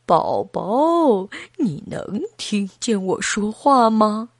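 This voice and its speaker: A woman playing a sweet older grandmother, soft and unhurried, slightly lowered voice, coaxing gently in a children's storybook. Dry close recording. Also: sing-song, dry recording, exaggerated voice.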